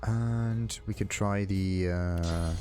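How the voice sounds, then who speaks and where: A man hosting a gaming video speaks very slowly in a deep voice, casually musing aloud during a let's play as video game music plays. Background noise can be heard.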